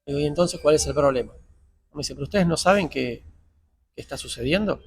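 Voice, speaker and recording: Argentine man, father telling an emotional story, high gravelly voice, replays the dialogue. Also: fairly quick, a little hiss or hum. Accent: Argentine Spanish. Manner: retells dialogue in quoted voices, tense. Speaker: interviewee, father. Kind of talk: emotional personal account.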